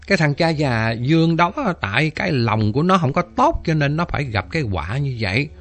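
A man's voice: fairly high pitch, lively intonation, brisk, fairly bright tone, soft background music. A man voicing a pious, fretful elderly mother who lectures and pleads, repeating her words. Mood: pleading.

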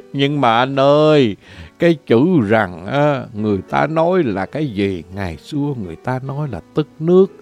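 A man's voice: a little high, darkish tone. A man with a Southern Vietnamese accent telling a comic story in a theatrical, lamenting way, full of exclamations.

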